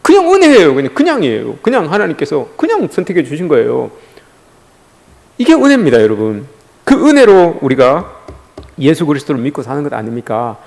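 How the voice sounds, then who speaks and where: Animated pastor preaching in a reverberant church. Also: male voice, fairly high pitch, a little fast, vocal fry. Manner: animated preaching, addresses the congregation directly, often says "여러분". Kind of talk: sermon. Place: church sanctuary. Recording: long church hall reverb.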